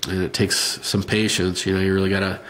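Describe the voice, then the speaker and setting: A man's voice: sits low, level tone, brisk, a bit bright, a little hiss or hum. A man with a nasal voice giving a casual, rambling how-to demonstration of his hobby work, with plenty of fillers. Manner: rambling, plain-spoken, many fillers. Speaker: hobbyist showing a rifle customization.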